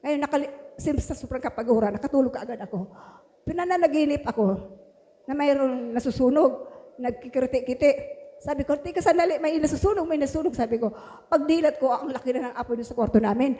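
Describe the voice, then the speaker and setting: A woman's voice: sits high, a little fast, mellow. Fervent woman testifying in echoing church. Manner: fervent, breaks into praise exclamations. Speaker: church member giving testimony. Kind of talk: religious testimony. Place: church hall. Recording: long hall reverb.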